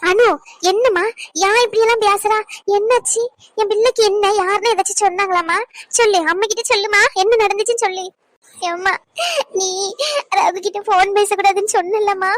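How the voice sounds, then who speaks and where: A woman's voice: extremely high pitch, fairly even intonation, brisk, no room sound. A woman voicing a devoted middle-aged mother in a cartoon, who coaxes and pleads tenderly. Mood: pleading. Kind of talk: cartoon voice acting.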